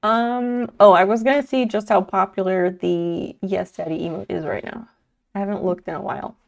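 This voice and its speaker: A woman's voice: medium pitch, fairly even intonation, normal speed, creaky. A woman live streamer chatting casually while sleepy and yawning, rambling and swearing offhandedly.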